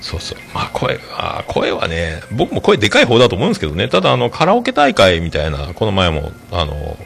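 A man's voice: sits low, huge pitch swings, a little fast, gravelly, a bit bright. A man, hosting a casual podcast monologue, rambling through stories with many filler sounds. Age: 40s. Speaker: podcast host. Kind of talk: casual podcast monologue reading listener comments.

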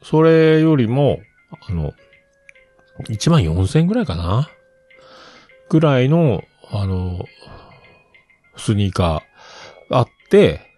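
A man's voice: mid-range voice, very animated, slow pace, pauses often, warm tone, no echo, faint music behind. A middle-aged man casually rambling through a personal story, acting out the bits he quotes. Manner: chatty storyteller who acts out quoted bits.

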